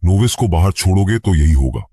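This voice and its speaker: A man's voice: sits low, expressive, fairly quick, mellow, breathy edge, no room sound, studio quality. A man voicing a grumpy, sarcastic old male master who talks bluntly and scolds. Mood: gruff.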